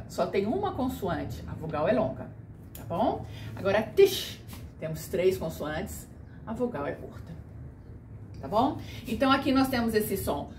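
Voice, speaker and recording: A woman teaching pronunciation, speaking at an unhurried, deliberate pace. She models each sound carefully and patiently. Her voice rings in an echoey room over a faint hiss. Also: fairly low pitch. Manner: patient, demonstrates sounds slowly. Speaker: German teacher. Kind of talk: pronunciation lesson.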